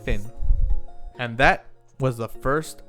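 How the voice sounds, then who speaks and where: A man with a medium-pitched voice hosts a film review video, delivering scripted narration conversationally and addressing his viewers. He takes it slowly, his tone bright and forceful, with music playing under him.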